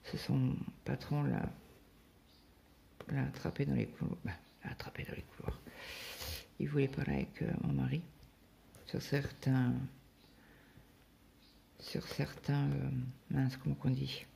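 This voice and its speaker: A woman from France talks casually to her viewers, rambling from story to story with plenty of hesitations. Her voice is gravelly and mellow, and she is still getting over a stomach bug. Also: very deep voice, flat delivery, slow pace, pauses often, a little hiss or hum. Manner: rambling, chatty storytelling with many fillers. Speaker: cross-stitch vlogger. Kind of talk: casual chat.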